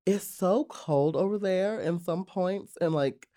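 A man's voice: high-pitched, slow pace, dark tone. A man co-hosting a podcast, chatting casually with sassy, slangy comic banter. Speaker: podcast co-host. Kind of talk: casual comedic chat.

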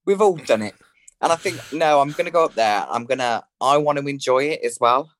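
A man's voice: medium pitch, a little fast, fairly bright tone. A man with a British accent in casual comic chat as a guest, cheeky, sweary and full of slang. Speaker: drag performer, interview guest. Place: at home.

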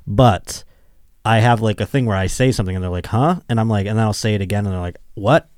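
A man's voice: fairly low pitch, steady tone, quick pace, darkish tone, clear, resonant tone, no room sound, studio quality. A young man hosting a podcast, chatting casually in a rambling, self-deprecating way and laughing often. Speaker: podcast host. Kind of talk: casual chat.

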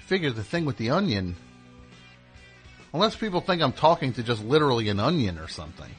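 A man hosting a live radio show, rambling in casual chat with sudden loud yelled bursts. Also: mid-range voice, big pitch swings, a little fast, soft background music.

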